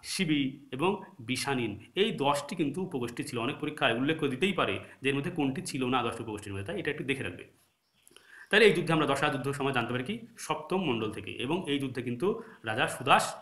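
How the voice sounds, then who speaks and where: A man's voice: mid-range voice, bright, forceful tone, echoey room. A man with a Bengali accent teaching history for exam prep. He keeps asking rhetorical questions and answering them himself, and now and then corrects his own slips. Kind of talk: recorded lecture.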